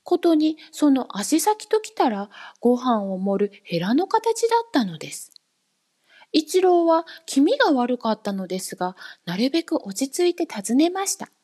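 A woman narrating a storybook in a high, animated voice that swings widely in pitch. Her tone is soft and breathy, and she reads with lively expression. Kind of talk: storybook reading.

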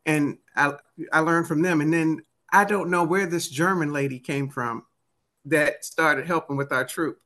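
Bright, forceful woman with a DC accent. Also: sits low, measured pace. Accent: Washington DC. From United States, Washington DC area. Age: 50s. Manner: acts out remembered dialogue. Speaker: interview guest, author and motivational speaker. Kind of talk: animated conversational storytelling.

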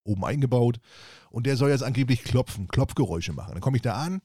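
A man's voice: mid-range voice, lively intonation, fast, dark tone, breathy edge, no room sound, studio quality. A man co-hosting a casual podcast, telling rambling anecdotes from his service job and acting out both sides of the dialogue. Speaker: podcast co-host, appliance service technician. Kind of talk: casual chat, storytelling.

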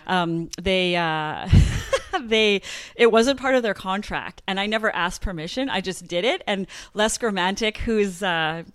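Chatty Canadian woman with a smooth voice. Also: mid-range voice, measured pace, no echo. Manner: animated, laughs often, many fillers like "like". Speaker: guest. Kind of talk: conversational interview.

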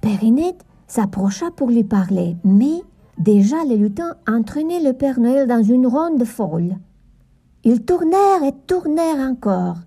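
A woman narrating a children's Christmas story in a gentle storytelling manner. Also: on the high side, expressive, measured pace, husky.

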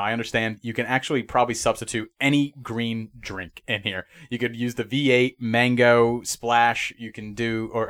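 A man hosting a casual movie podcast, joking and laughing often as he talks. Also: mid-range voice. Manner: animated, laughs often, jokey. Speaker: podcast host. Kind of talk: casual chat.

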